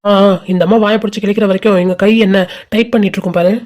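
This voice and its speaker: A woman's voice: medium pitch, fairly even intonation, rapid-fire, a little mellow, natural voice. A woman voicing a cocky, mocking young college man in an amateur cartoon, with a sneering, teasing delivery. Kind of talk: amateur animated cartoon dub.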